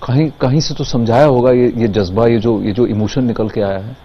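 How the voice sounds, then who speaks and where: A man's voice: mid-range voice, fairly even intonation, racing, dull audio, a little hiss or hum. A man with an Indian accent interviewing conversationally, eagerly repeating and rephrasing his questions.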